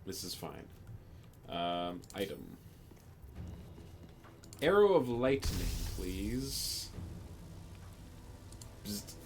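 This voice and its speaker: Casting: male game streamer, lively swings in pitch, unhurried, halting thinking-aloud commentary. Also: a little hiss or hum. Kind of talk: casual live gameplay commentary.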